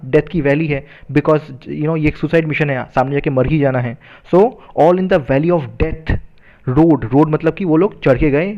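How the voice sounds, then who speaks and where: A man teaching a poem, explaining in a mix of two languages, with many fillers and tag questions, reading verse lines slowly. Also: on the high side, lo-fi sound. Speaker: literature teacher. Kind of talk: poem lesson mixing Hindi and English.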